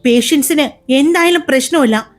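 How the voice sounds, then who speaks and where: A woman voicing an angry young male hospital doctor who scolds a nurse with sharp questions in a storybook reading. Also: high voice, normal speed, close to an everyday voice. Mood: stern.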